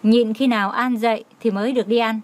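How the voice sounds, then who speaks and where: A man's voice: very high voice, steady tone, quick pace. A woman voicing a stern young male boss who gives short, commanding orders. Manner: curt, commanding.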